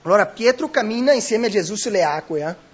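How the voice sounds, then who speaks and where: A man with a high, husky voice preaches a sermon with emphatic rhetorical questions and frequent self-corrections. The recording is dull and lo-fi. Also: animated, quick pace.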